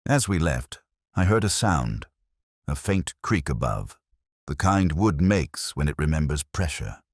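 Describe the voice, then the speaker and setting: A very deep voice from a male actor plays a world-weary, erudite male police inspector narrating his own detective story. The delivery is measured and reflective, with expressive rises and falls in pitch. The sound is dry and close, with little room around it. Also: husky, no echo, exaggerated voice. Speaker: narrator in character.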